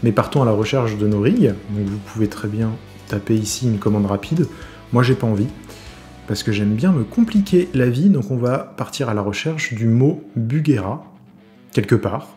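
A man's voice: medium pitch, expressive, normal speed, mellow. Chatty man explaining a guitar tutorial. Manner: chatty, many fillers and self-corrections. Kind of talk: casual screen-recorded tutorial.

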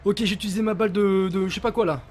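A young man giving excitable let's play commentary, swearing a lot and shouting at enemies. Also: high voice, very fast, slight background noise. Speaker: gaming channel host.

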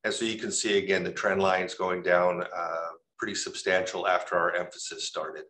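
A police captain talks through slides on a panel in a very deep voice. His tone is bright and forceful, and he stops often with fillers as he explains the numbers. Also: level tone, normal speed. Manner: hesitant, many fillers. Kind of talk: presenting data on a panel.

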